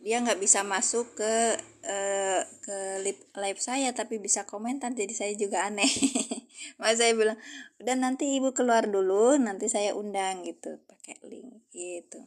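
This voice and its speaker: A woman, teaching Arabic grammar on a live stream. She talks casually, answers viewers as she goes and slows down to spell out the examples. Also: mid-range voice, fairly even intonation. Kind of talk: casual livestream lesson.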